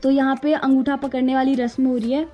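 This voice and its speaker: Chatty young woman, mellow voice. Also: sits high, level tone, fairly quick, highs cut off. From Uttarakhand hills. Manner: chatty, playful, teasing. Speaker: vlogger, bride. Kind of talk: casual narration over wedding photos. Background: faint background music.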